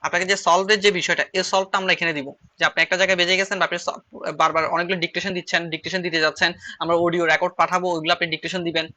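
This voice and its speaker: A man with a Chittagong Bengali accent leads an online shorthand lesson in a high, fast voice. His tone is strikingly bright and sharp, and he repeats key phrases over and over as he writes them out. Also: level tone. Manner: repeats phrases while writing on slides. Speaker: shorthand teacher. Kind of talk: online class lecture.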